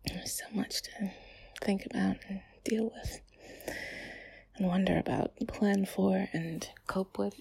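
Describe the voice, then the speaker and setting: Young woman whispering asmr, super breathy and raspy, little giggles. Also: medium pitch, steady tone, measured pace, long pauses, poor audio. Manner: soft whispering with frequent giggles and sighs. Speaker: ASMR creator.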